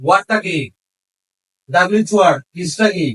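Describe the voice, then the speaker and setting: High-voiced male English teacher, off-mic. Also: normal speed, fairly bright tone, far from the mic, low-quality recording. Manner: asks the class questions and repeats answers. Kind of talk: classroom lesson, mixing Bengali and English.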